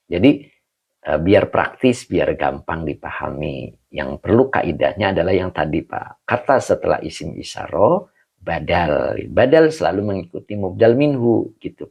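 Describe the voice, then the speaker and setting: A man's voice: low voice, gravelly, breathy edge, dull audio. A man teaching Arabic grammar in an online class, greeting viewers by name between his explanations.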